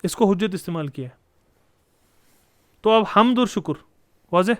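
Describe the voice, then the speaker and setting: A man's voice: high voice, expressive, fairly bright tone, no echo, studio quality. A man giving a classroom lecture on Arabic grammar, explaining step by step and posing rhetorical questions to his students. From Kashmir.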